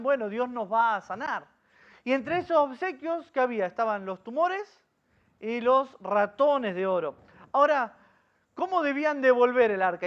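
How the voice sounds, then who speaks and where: A man's voice: very high-pitched, highs cut off. A man with an Argentine accent, a pastor leading a Bible study, telling the story vividly and asking his listeners questions. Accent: Argentine Spanish. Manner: lively storyteller who quizzes his listeners.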